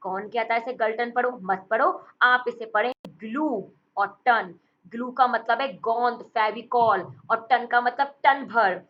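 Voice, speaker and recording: Woman, exam vocab tutor; playful, jokey, teasing tone with students; fairly high pitch, muffled lo-fi recording. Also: unhurried. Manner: playful, uses memory tricks and jokes; addresses students as beta and bhai. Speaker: vocabulary teacher. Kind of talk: exam-prep vocabulary lesson.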